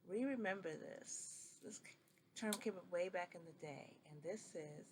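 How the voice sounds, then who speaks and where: A woman's voice: lowish voice, measured pace, slight background noise. A middle-aged woman who grew up in New York, chatting enthusiastically and meanderingly as she shows fabrics from her sewing collection at home. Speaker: sewing vlogger. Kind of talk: casual chat showing fabrics.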